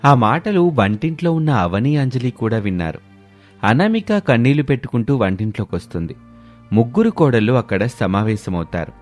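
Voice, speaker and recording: A man narrating an animated family story in a steady, even storytelling manner. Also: medium pitch, fairly quick, soft background music.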